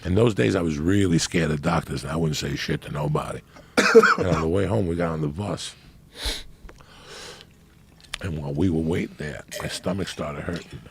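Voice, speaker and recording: A man telling a profane, animated story as a podcast guest, laughing as he goes. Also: a bass voice, normal speed, gravelly, pauses often, noisy background. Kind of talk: casual storytelling.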